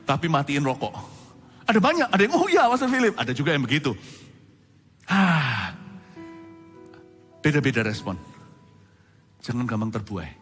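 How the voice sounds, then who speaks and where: A male pastor preaching a sermon in an animated way, acting out other people's voices. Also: medium pitch, normal speed, pauses often. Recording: reverberant hall with faint music.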